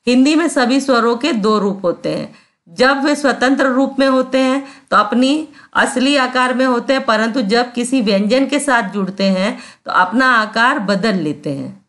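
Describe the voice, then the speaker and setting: A woman's voice: on the high side, expressive, moderate pace, a bit bright. A woman teacher giving a grammar lesson, patient, repeating sounds and often checking that students understand.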